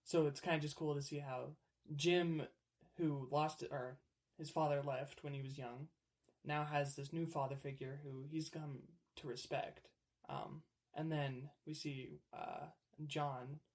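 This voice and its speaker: Gravelly young male co-host. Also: mid-range voice. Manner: easygoing, frequent short agreements. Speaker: podcast co-host. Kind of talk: casual podcast chat.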